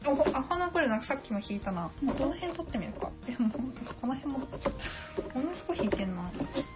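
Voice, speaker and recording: Excitable high-voiced woman with loud laughter. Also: fast talker. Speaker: podcast co-host. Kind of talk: casual chat while playing a memory card game. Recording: music playing behind the talk.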